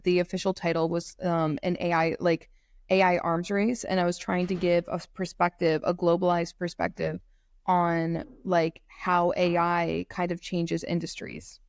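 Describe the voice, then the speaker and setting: On the low side and clean in tone, this woman's voice comes from a twenty-year-old North Carolina law student appearing as a podcast guest on a remote call. Her computer mic yields a dry, studio-quality recording as she talks casually, rambling and saying "like" often.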